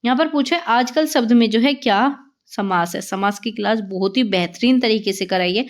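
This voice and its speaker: Quick-paced tutor woman, question-and-answer style. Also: fairly high pitch. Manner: asks and answers her own questions, repeats "ठीक है". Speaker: teacher. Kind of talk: exam-prep lesson.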